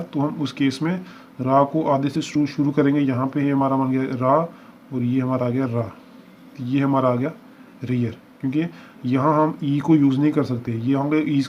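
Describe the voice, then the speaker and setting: A man's voice: fairly high pitch, darkish tone. A man teaching a shorthand lesson, explaining each step patiently and repeating examples as he works through them. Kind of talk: lesson walkthrough. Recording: dull lo-fi recording with faint hiss.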